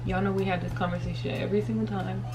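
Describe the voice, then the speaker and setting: Doing her makeup, a thirty-year-old beauty and faith vlogger talks straight to her audience, giggling frequently in a casual tutorial chat. Her voice is mellow and medium-pitched, with a level tone, and she speaks very fast.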